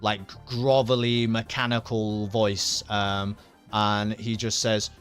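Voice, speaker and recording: A man's voice: lowish voice, little pitch movement, takes it slowly, a bit bright, soft background music. A man narrating as game master of a tabletop game, rambling loosely with many ums and laughs.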